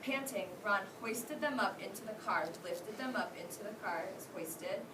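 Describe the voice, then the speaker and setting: Here the teacher's voice is mid-range and her pace moderate as she reads to her elementary class, stopping to quiz the children. A distant microphone gives a roomy sound with clear noise.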